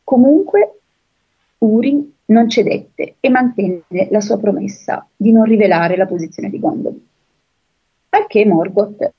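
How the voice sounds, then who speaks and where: Husky woman retelling an old tale. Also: mid-range voice. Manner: unhurried, pauses often with filler sounds while she explains. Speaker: storyteller explaining a fantasy book. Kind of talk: retelling a story with read-aloud passages. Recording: dull lo-fi recording with faint music.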